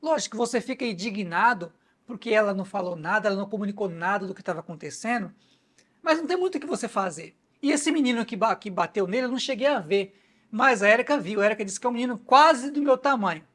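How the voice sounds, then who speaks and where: A man's voice: sits high, lively intonation, fast talker, fairly bright tone. A man with a Brazilian accent, speaking casually to camera as a vlogger and telling a story indignantly, with frequent tag questions. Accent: Brazilian Portuguese. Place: home in Japan.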